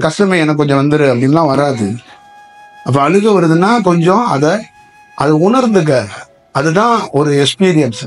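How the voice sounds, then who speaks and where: A man giving a rambling spiritual discourse as a teacher, often asking his listeners rhetorical questions. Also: a little high.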